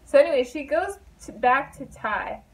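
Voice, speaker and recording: A woman's voice: high voice, animated, moderate pace, low-quality recording. A young woman chatting casually as a book vlogger, full of fillers and asides.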